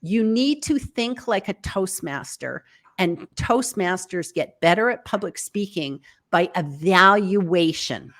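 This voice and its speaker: A woman guest on a live video interview, giving casual advice in a chatty, animated way. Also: fairly low pitch, slow pace. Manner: animated, chatty, acts out quoted reactions. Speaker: podcast host appearing as guest.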